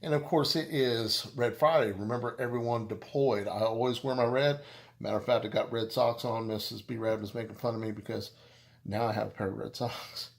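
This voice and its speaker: A man casually reviewing a beer on his video channel, rambling and halting with many restarts and fillers, and making self-deprecating jokes. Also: medium pitch, fairly even intonation, creaky.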